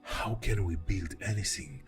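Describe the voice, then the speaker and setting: In an intimate ASMR roleplay set to music, a man plays an exasperated boyfriend defending himself against a jealous partner. His deep, breathy voice stays very low and soft as he speaks slowly, pausing and sighing heavily.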